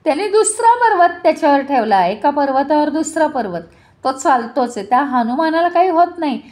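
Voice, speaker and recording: A woman storyteller narrating a devotional tale, often pausing to ask her listeners questions. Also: high voice, animated, darkish tone. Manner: asks listeners rhetorical questions.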